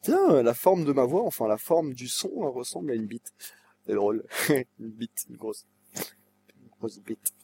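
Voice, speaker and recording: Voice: mid-range voice, big pitch swings, unhurried, pauses often, warm tone, a little hiss or hum. An amateur voice actor recording takes for a fan dub, chatting and joking between retakes. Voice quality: jokey, laughs between takes.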